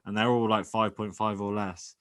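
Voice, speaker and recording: A man's voice: lowish voice, little pitch movement, normal speed, a crowd in the background. A man hosting a casual podcast chat, talking hesitantly with lots of fillers and restarts. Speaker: podcast host.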